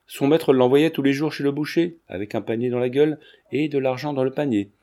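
A man's voice: medium pitch, brisk, warm tone, close to an everyday voice. A man voicing a poor middle-aged fairground clown who talks in a blunt, plain way, read from a novel. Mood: earnest.

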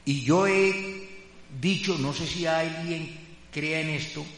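A man's voice: a little high, slow, a bit bright. A man giving a rambling, emphatic testimony in a religious class, repeating his phrases as he goes. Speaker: class participant. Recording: roomy hall with faint hum.

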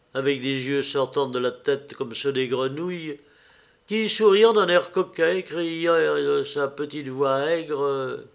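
A man reading a classic fantastic tale aloud in a measured, expressive way. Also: mid-range voice. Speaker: audiobook reader. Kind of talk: literary audiobook narration.

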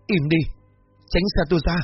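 A man voicing a frightened young village girl in a spoken story, with high, panicked cries. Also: steady tone, a little fast, breathy edge. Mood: terrified. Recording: muffled lo-fi with faint music.

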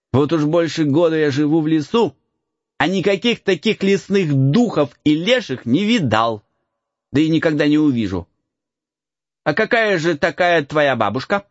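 Guy doing a cocky forest kid, teasing and cackling, high lively voice, kinda muffled. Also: measured pace, no echo. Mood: mocking. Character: mocking cheeky forest boy, laughing runaway.

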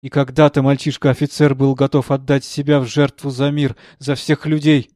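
A man's voice: mid-range voice, flat delivery, moderate pace, no room sound, clean studio sound, lightly acted. A man voicing a drunk, broken older composer in an audiobook, his delivery anguished and desperate. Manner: anguished confession rising to frantic shouting. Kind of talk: audiobook character reading.

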